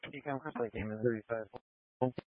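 A man's voice: medium pitch, fairly even intonation, fast, no echo. A man on an ambulance crew giving formulaic status reports over the radio. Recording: narrowband ambulance radio transmission.

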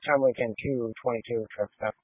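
A man's voice: medium pitch, steady tone, brisk, dry recording. A man working as a police officer, calling in traffic stops in a matter-of-fact way and spelling plates and names letter by letter, heard over a phone-like radio channel. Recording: narrow phone-like radio audio, dry.

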